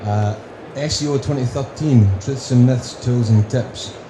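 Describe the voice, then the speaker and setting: A man with a broad Scottish accent giving a prepared conference talk, speaking deliberately in emphatic lists. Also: mid-range voice. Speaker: conference speaker, company director. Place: indoor conference room. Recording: roomy, echoing venue with faint noise.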